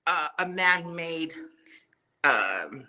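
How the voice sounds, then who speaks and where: Deep-voiced and sing-song, this woman draws out her words and sounds pushed and bright. She is a Samoan music artist and native Samoan speaker, guesting on a podcast for a casual conversational interview where she talks openly, full of slang and cursing.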